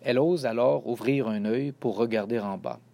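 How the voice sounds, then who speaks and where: A man calmly reading a children's storybook aloud. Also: medium pitch, normal speed, gravelly. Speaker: narrator. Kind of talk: scripted storybook narration.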